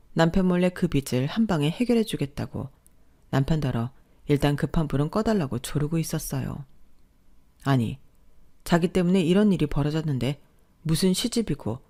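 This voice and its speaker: A woman with a dark, low-sitting voice narrates a family drama in the first person from a script, her tone confiding but indignant.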